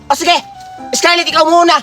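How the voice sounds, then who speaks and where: A woman voicing a bossy older woman who scolds children loudly and hands out Christmas gifts. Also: extremely high pitch, little pitch movement, normal speed. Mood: scolding. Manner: scolding, loud, blunt. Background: background music.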